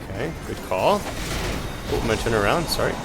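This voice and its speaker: A man's voice: medium pitch, animated, normal speed, gravelly, rough recording. A man giving casual, playful gameplay commentary with jokey asides while he plays an online game with a group. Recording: loud game music behind. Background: game music.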